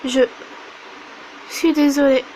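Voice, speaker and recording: Woman doing a shrill little girl. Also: level tone, slow pace, warm tone, slight background noise. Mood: sulky. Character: little girl, upset and clingy.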